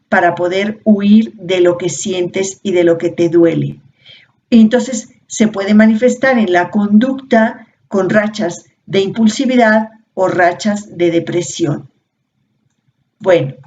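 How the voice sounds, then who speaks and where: A woman leading an informal workshop, explaining at an unhurried pace and posing rhetorical questions to her listeners. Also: mid-range voice, a little mellow. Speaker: workshop facilitator. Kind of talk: informal teaching talk. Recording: dull lo-fi audio with faint noise.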